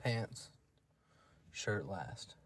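A man's voice: lowish voice, lively intonation, extremely slow, husky. A man in his twenties hosting a podcast with friends, joking and slangy in casual chat. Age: 20s. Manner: joking, laid-back, slangy. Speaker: podcast host.

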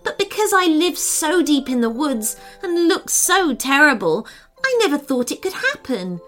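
A woman voicing a young girl princess freed from a spell, speaking in a high, tender tone. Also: very animated, unhurried, soft background music. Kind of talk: storybook character reading.

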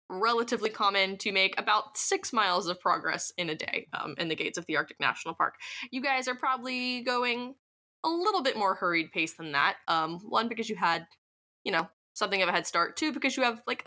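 A woman's voice: medium pitch, pushed and bright. A woman narrating as game master of a tabletop game, chatty with many fillers and asides.

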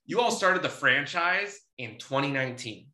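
Bright-toned interviewer in a roomy echo. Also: male voice, fairly high pitch, expressive, normal speed. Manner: rambling, repeats words. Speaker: podcast host, interviewer. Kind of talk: casual interview questions.

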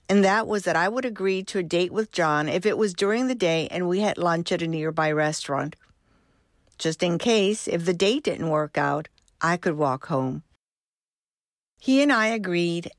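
Cuban lady in her 60s reading her memoir, lowish voice, dry close sound. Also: dry recording. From Cuba. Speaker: host and storyteller.

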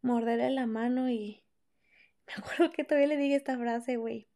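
A young woman with a Mexican accent hosts a podcast and tells her story in blunt, slangy casual chat. Her voice sits high and carries a gravelly vocal fry. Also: fairly even intonation, moderate pace, warm tone. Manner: candid, slangy and profane, acts out quoted lines. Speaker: podcast host.

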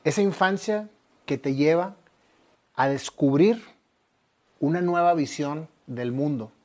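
A man hosting an interview, asking measured, reflective questions. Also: a little high, darkish tone. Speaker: interview host. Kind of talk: conversational interview.

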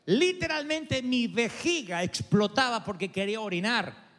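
High-voiced Argentine preacher in a hall. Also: male voice, a little slow. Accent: Argentine Spanish. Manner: animated, acts out quoted voices. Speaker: pastor. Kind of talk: sermon storytelling. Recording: reverberant hall with soft music.

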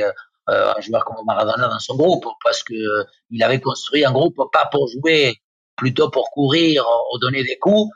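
A man's voice: mid-range voice, gravelly, a bit bright, breathy edge, no room sound, dull audio. A man in his fifties from Argentina, Spanish-native with an Argentine accent, speaking as a guest pundit on football with many hesitations and restarts. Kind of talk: radio football talk.

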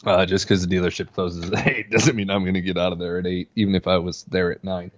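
A man's voice: low voice, little pitch movement, fast. Rambling male podcast co-host, slightly dull sound. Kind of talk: casual sports podcast chat.

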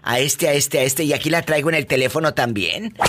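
A man's voice: on the high side, a little fast, fairly bright tone. A man hosting a call-in radio show, chatting in a playful, teasing, gossipy way. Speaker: radio host. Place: radio studio.

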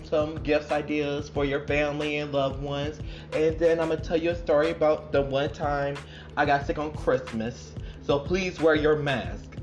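A young man hosting a casual podcast, talking in an animated, sassy way and laughing often. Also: a little high. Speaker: podcast host.

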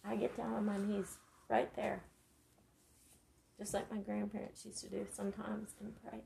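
A woman, a mother talking with her son in a casual heart-to-heart chat, gentle, earnest and encouraging, speaking of faith. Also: mid-range voice, little pitch movement, moderate pace, creaky, a little hiss or hum.

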